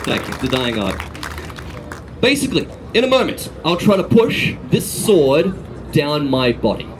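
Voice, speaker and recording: Animated Australian sword swallower doing street patter. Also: male voice, fairly high pitch, measured pace, a faint crowd. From Australia, from Melbourne. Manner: cheeky showman, teasing the audience and volunteer. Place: outdoor city street. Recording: outdoor street noise with traffic.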